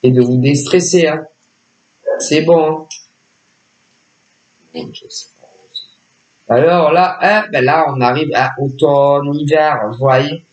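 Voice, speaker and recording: A man's voice: a little high, slow pace, pauses often, reverberant, low-quality recording. A man giving a casual spoken tarot reading as a psychic, hesitant and repetitive, full of filler words. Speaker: psychic reader.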